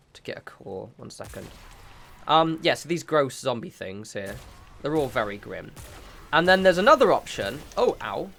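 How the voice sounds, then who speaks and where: Still congested after a cold, this male gaming host rambles through commentary on his game, correcting himself and tossing in asides. His voice is fairly high, gravelly, and rather bright.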